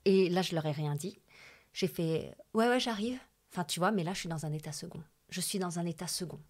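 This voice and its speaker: A woman's voice: lowish voice, a little fast. A young woman from the French Alps, a guest telling a personal story in casual, emotional chat, with many fillers and asides. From France, Hautes-Alpes. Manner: chatty and lively, with many fillers and asides to the host.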